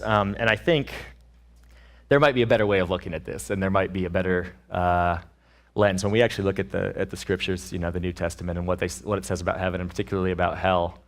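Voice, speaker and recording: A young man, a pastor's son, preaching a casual, joking sermon at a church service, with many fillers and restarts. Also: on the low side. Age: young adult.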